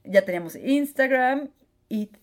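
Una mujer de unos treinta años con acento mexicano, copresentadora de un pódcast, que habla animada y rápida entre risas. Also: female voice, high-pitched. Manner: animated, quick, laughing. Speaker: podcast co-host. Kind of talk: casual chat.

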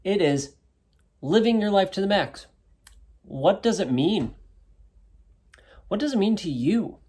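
A wellness coach in his thirties hosts a solo podcast, chatting casually with listeners and often tossing in "right?" to check in. His voice is high, animated and a little mellow with a breathy edge, and he speaks at a slow pace.

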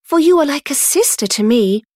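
A woman voicing a sweet, gentle young woman from a wealthy family, reading her lines in an eager, affectionate way. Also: high voice, expressive, normal speed, no room sound, clean studio sound, pitched above the performer's own voice.

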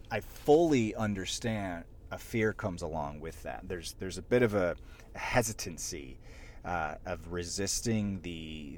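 Deep-voiced man coaching presentation skills. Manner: energetic, many restarts, punches the last word. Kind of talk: casual instructional talk.

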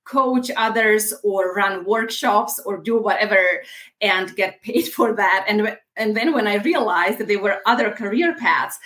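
A woman's voice: medium pitch, a little slow, a bit bright. A woman in her thirties from Bosnia, a career coach answering interview questions in a friendly way with hesitant restarts.

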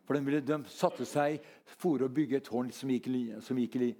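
Man preaching, rambling with fillers, fervent surges, mid-pitched voice. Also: steady tone. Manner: rambling, halting with many fillers, rising to shouted fervor. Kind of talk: sermon.

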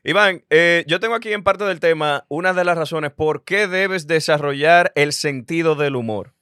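A man's voice: a little high, moderate pace, bright, forceful tone, smooth, no room sound, studio quality. A man with a Dominican accent hosting a casual podcast chat, telling stories and laughing often. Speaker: podcast host.

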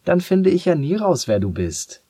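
A man's voice: fairly low pitch, big pitch swings, normal speed, breathy edge, dry recording, full character voice. A man voicing a spirited, curious little girl who speaks in an indignant, insistent way in a storybook reading.

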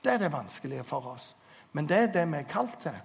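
A man with a somewhat high, very animated voice and vocal fry preaches in a church hall, and long hall reverb trails his words. He tells stories and earnestly urges his listeners on.

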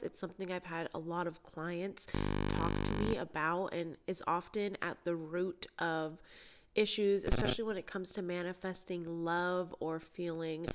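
Stuffy-nosed woman chatting on a podcast. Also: lowish voice. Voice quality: stuffy, congested nose. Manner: chatty, informal. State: has a cold. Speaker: podcast host and mindset coach. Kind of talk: casual solo podcast talk.

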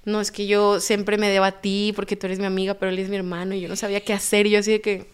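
A woman with a Mexican accent, a podcast guest telling her own story in a lively way and acting out the dialogue. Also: medium pitch, fast, clean tone. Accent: Mexican Spanish. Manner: animated, acts out quoted dialogue.

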